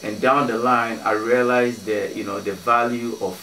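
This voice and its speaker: A man from Ghana, a guest on a radio show, telling stories in a relaxed way with many fillers and restarts. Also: mid-range voice, moderate pace, reverberant, distant mic, a little hiss or hum, poor audio. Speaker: guest, community organizer. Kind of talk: casual radio interview. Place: radio studio.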